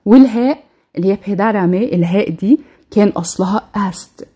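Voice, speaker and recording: A woman with an Egyptian Arabic accent giving a recorded language lesson, saying each word twice, slowly, for practice. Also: medium pitch, dark tone, husky. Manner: slow, repeats each word twice for drill. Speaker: language teacher.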